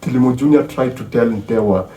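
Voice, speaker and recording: A man reviews a film by retelling its plot, acting out the scenes as he goes. His mid-pitched voice sounds set back from the mic in an echoey space. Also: fairly quick. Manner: animated storytelling, acting out scenes. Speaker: movie reviewer. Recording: roomy, distant from mic.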